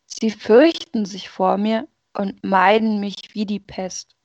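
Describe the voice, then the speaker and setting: A woman's voice: medium pitch, steady tone, slow, a little mellow, dry recording. Woman reading as sorrowful Sadness, earnest, plaintive, storybook reading, dry dull sound. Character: sorrowful, rejected female personification of Sadness.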